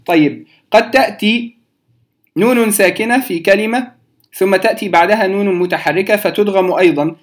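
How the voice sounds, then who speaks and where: A man with a notably high voice teaches recitation rules to beginners. He talks patiently, stops to repeat key terms slowly, and speaks straight to his listeners. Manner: addresses listeners directly.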